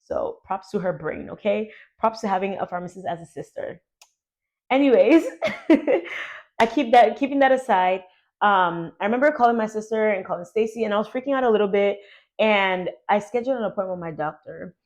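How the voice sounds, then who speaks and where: A woman's voice: mid-range voice, brisk. Chatty young woman telling a story. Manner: chatty, animated, heavy use of "like". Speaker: YouTuber. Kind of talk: personal storytelling vlog.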